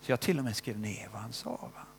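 Older preacher, animated and gravelly. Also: male voice, medium pitch, a little hiss or hum. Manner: animated, swinging between loud stress and hushed whispers; often ends phrases with a questioning "va?". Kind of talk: sermon with personal testimony.

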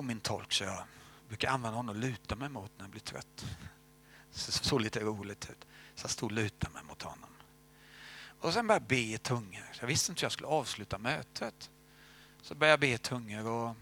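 A man preaching with a gravelly, husky voice that has a bright edge. He tells a testimony as a story and drops to a hush at the key moments. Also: mid-range voice. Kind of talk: sermon testimony.

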